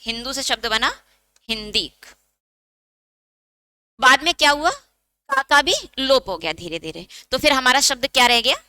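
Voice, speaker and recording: A woman's voice: high-pitched, expressive, unhurried, long pauses, bright, forceful tone, clear, resonant tone, dry recording. A woman teaching a Hindi exam-prep lecture, asking questions and answering them herself, and dictating note points.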